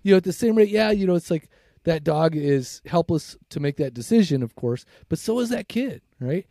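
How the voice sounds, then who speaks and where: A man co-hosting a podcast, telling stories in a casual chat full of swearing and animated retellings. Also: fairly high pitch, normal speed, no room sound, clean studio sound. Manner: swears constantly, animated storytelling. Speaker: podcast co-host.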